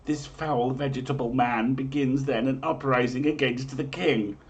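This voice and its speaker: A livestream host with a steady, medium-pitched voice speaks at a moderate pace over dull-sounding audio. He delivers a theatrical, emphatic reading of a comic in mock-medieval English, followed by easygoing chat.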